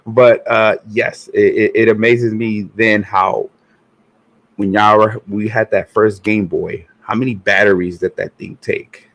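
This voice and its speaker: A man's voice: fairly low pitch, steady tone, unhurried, fairly bright tone. Easygoing man hosting a podcast. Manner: easygoing, chuckling, rambling restarts. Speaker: podcast host. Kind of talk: casual chat.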